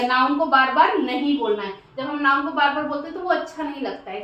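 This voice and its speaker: A woman teaching English grammar, explaining patiently, repeating herself and slowing down to spell out example sentences as she writes them. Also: sits high, a bit bright. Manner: patient, repeats points with frequent "ठीक है"; slows down to spell out example sentences while writing. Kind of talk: classroom-style explanation. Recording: very echoey room, distant mic.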